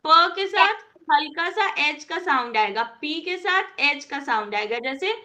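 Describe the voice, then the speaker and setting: A woman teaching an online English phonics class, patient and encouraging, repeating each sound slowly for her students. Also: high voice, expressive, bright, forceful tone.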